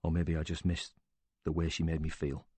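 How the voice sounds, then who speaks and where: Voicing an indignant, sarcastic widower with a quick temper, a man curses his way through a self-defense. The delivery is monotone, dark and low with a husky edge, at a moderate pace, recorded dry and close with no sense of a room.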